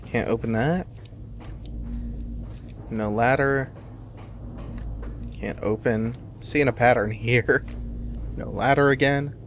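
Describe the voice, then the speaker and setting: A man's voice: medium pitch, fairly even intonation, slow, long pauses, a little hiss or hum. A man giving casual let's play commentary, musing and thinking aloud as he plays. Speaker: gamer commentating a playthrough.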